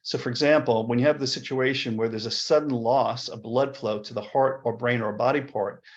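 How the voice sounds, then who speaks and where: A male physician giving a webinar talk with slides, chatty and relaxed, sometimes repeating words. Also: mid-range voice, fairly quick, lo-fi sound. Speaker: physician presenter at a medical webinar. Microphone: video call.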